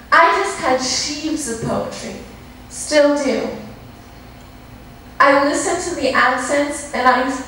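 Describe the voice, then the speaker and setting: Woman reciting slow n deliberate, high voice, echoey room, mic far away. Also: fairly bright tone, slight background noise. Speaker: student giving a declamation. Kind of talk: recited speech. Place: classroom or school hall.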